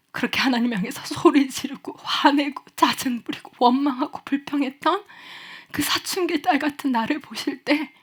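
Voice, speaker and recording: A woman pastor delivering a Sunday sermon in an earnest, hushed manner that sinks toward near whispers. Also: high-pitched. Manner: soft, hushed delivery dropping to near whispers at emotional points.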